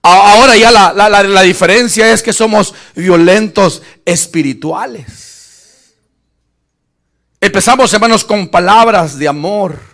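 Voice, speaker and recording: A man preaching an animated sermon, shouting at peaks and acting out Bible scenes in voices. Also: high voice, a little slow. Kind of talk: lively Spanish-language sermon.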